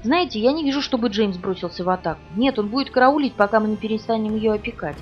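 A woman reading an audiobook, voicing a calm young woman who speaks in a cool, assured way. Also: fairly high pitch, quick pace, close to an everyday voice. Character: calm, confident young woman, quietly certain. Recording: dull distant audio with music behind.

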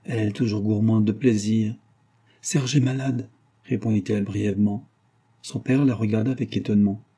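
A man narrates a classic novel in steady, measured phrases. His voice is dark and mellow with a husky grain. He sits a little low in pitch. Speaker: audiobook narrator. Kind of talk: scripted narration.

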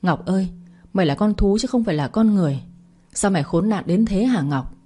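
A woman narrator voicing a heartbroken old mother-in-law who laments and curses, with a husky voice. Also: medium pitch, animated, brisk, dark tone. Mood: wailing. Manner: lamenting, cursing.

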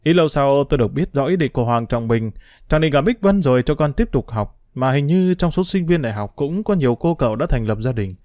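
Expressive male audiobook narrator. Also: mid-range voice, fairly quick, no room sound, clean studio sound. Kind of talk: first-person diary narration of a novel.

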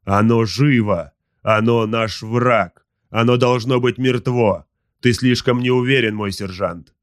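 A man doing a proud, wrathful warrior captain from a sci-fi audiobook, a low voice that turns loud and forceful as it snaps out orders. The read is close and dry, with no room around it. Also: normal speed, no room sound, close to an everyday voice. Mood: commanding. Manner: commanding, barking orders. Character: arrogant wrathful male space marine captain. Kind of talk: audiobook character voice.

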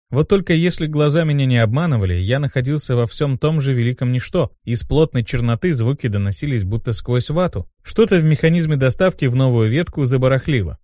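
A man reading a first-person audiobook in a steady, measured way. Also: medium pitch, dry recording, studio quality. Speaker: audiobook narrator.

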